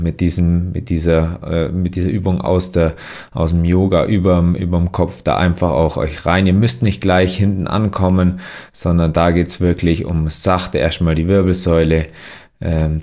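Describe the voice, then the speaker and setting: A young man with a very low voice talks through a series of stretches and exercises. His instruction is loose and unscripted, full of fillers and restarted phrases. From Germany. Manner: relaxed, many fillers and restarts. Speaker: athlete demonstrating exercises.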